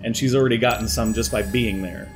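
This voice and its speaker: With music in the background, a young man talks fast at a lowish pitch and fairly even intonation. He's commentating a let's play of a strategy game on a headset mic, slightly congested from allergies, chatting and thinking through his moves aloud.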